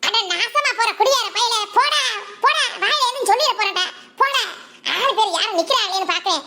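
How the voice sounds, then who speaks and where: A woman's voice: very high-pitched, a little fast, bright, forceful tone. A woman with a Ramanathapuram Tamil accent voicing village cartoon characters, scolding and laughing in rural slang. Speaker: cartoon voice artist doing every female figure. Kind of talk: village family cartoon voice acting.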